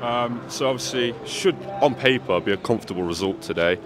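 A man's voice: medium pitch, fairly quick. Young man asking fans questions. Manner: casual, chatty questioning. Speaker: interviewer. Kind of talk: casual street interview. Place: outdoors by a stadium car park. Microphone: handheld mic. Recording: outdoor street noise.

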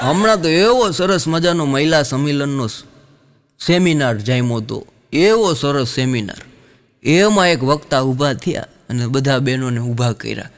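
A man telling jokes in a live stand-up show on a stage mic, lively and animated. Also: mid-range voice, normal speed. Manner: lively storytelling, acting out quoted voices. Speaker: stand-up comedian.

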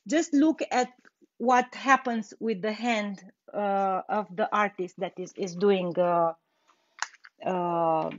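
A young woman from Romania, speaking with a Romanian accent in a voice on the high side, chats at an easy pace during a live furniture painting tutorial. She laughs readily, and the lo-fi sound comes from an indoor workshop with a bare wall.

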